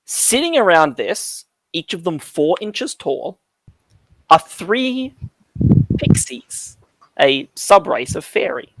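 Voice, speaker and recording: A man's voice: high-pitched, very animated, slow, no echo. A man narrating as dungeon master, rambling with many fillers, on a call mic. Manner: rambling, lots of "like" and "um". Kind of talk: narrating a tabletop game.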